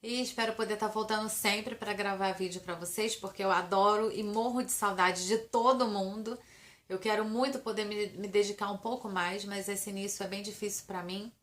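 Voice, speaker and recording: A woman's voice: medium pitch, fairly even intonation, normal speed, a bit bright. A young woman from Brazil, a new mother, chatting casually to camera in a rambling way with many restarts.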